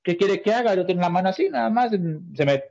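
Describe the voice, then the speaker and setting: A man putting on a cheeky six-year-old cartoon girl, pitched up, denying everything in a quick, slightly husky rush over a dull, low-fidelity recording. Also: expressive, a little mellow, full character voice. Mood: defiant. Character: mischievous little girl, about six, playing innocent. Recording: dull lo-fi sound.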